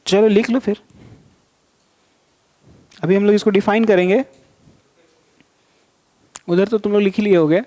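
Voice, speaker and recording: A man's voice: high-pitched, fairly even intonation, a little slow, long pauses, warm tone. A male teacher giving a physics lesson, repeating each point and asking the class rhetorical questions to check they follow. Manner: coaxing, checks students follow.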